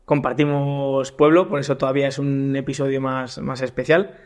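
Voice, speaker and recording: A young man from Spain hosting a podcast and interviewing a guest in casual conversation, often pausing and repeating words as he asks his questions. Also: mid-range voice, little pitch movement, darkish tone. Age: young adult. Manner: hesitant, repeats words while asking questions. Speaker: podcast host.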